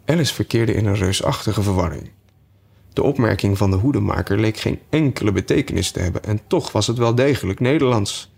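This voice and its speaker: A man narrating a storybook in a measured, even reading voice. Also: lowish voice, creaky, husky. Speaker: audiobook narrator.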